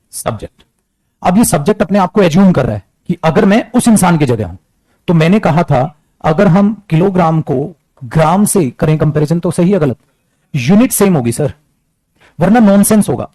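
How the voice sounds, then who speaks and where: A man teaching an English grammar class, talking lively and calling his students beta as he mixes English terms into his talk. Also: fairly high pitch, no echo. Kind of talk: classroom lecture.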